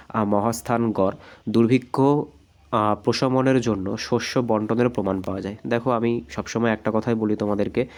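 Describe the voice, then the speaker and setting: A man with a hoarse voice from a cold, teaching an exam practice lesson and explaining answers step by step. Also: on the low side, mellow. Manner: explanatory, repeats "ঠিক আছে?" often.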